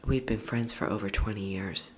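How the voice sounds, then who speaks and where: A podcast host speaking earnestly and tenderly in a heartfelt solo talk, often sinking into soft, breathy near-whispers. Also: deep voice, steady tone, a little hiss or hum. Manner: unhurried, with lingering pauses.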